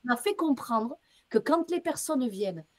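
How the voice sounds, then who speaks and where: A woman medium, interviewed as a guest, telling stories in a casual, lively way, acting out bits of dialogue and using casual slang. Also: sits high, normal speed. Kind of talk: casual storytelling.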